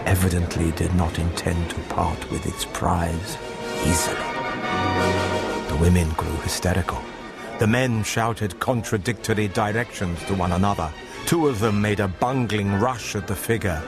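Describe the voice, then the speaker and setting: Deep-voiced man reading a dark tale. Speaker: narrator. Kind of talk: dramatic story reading. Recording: music behind.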